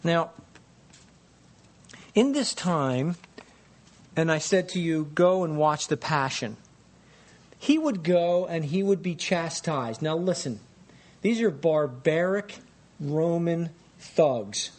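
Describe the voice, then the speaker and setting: A man preaching a dramatic storytelling sermon, emphatic and deliberate, repeating phrases for weight. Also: a little mellow. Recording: live sermon with faint rumbling noise.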